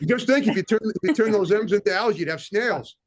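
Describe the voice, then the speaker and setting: A man's voice: high voice, a little fast. A man hosting a casual talk show interview, asking chatty questions with restarts.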